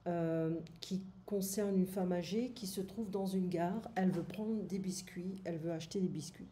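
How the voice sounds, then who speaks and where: A woman's voice: fairly low pitch, normal speed, dark tone. A woman French tutor going over a lesson summary for her student, explaining in French and then repeating it in English.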